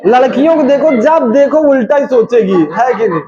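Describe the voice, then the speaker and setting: High-voiced, shouting Indian English teacher. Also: male voice, animated, normal speed, lo-fi sound, a crowd in the background. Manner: shouts drills, jokes with students. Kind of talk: classroom lesson with drills. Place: classroom with students.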